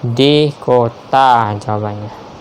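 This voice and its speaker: Going through quiz questions option by option, this male teacher speaks in a mid register with a slow, measured delivery. A brief affirming word follows every answer, and a light hiss underlies the recording.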